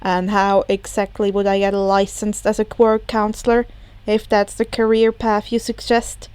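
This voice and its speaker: Woman as All for One, a lowered, courteous villain. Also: completely flat delivery, a little mellow, smooth, dry recording, lightly acted. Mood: dryly amused. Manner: formal, measured, dryly polite. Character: composed, courteous adult male supervillain mastermind.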